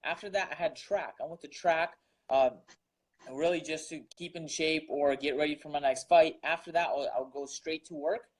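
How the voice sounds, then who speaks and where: This young entrepreneur from Russia, appearing as a guest, talks in a relaxed interview style about his daily grind with real earnestness, full of fillers and repeated words. He speaks at a normal speed, with a fairly high pitch and a steady tone.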